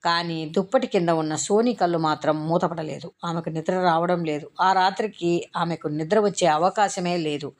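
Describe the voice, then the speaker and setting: A woman narrating a short story in a measured, literary reading. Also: fairly low pitch.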